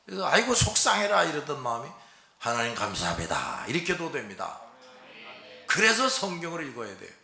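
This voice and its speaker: A male pastor delivers a Sunday sermon in a bright, forceful voice that swings lively up and down. He talks in a folksy way and keeps turning to the congregation with short rhetorical questions. The sound carries the roomy echo of a church sanctuary. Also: on the high side.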